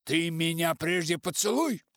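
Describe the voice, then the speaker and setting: A man voicing a self-righteous older male writer who lectures and shouts, loud and insistent, dragging his words out. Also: mid-range voice, sing-song, gravelly, exaggerated voice. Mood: indignant shouting. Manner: loud, preachy, slow and insistent.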